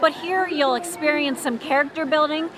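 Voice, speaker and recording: A woman's voice: high-pitched, moderate pace, heavy background noise. A woman co-hosting a festival guide video in casual, explanatory talk. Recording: outdoors with crowd behind.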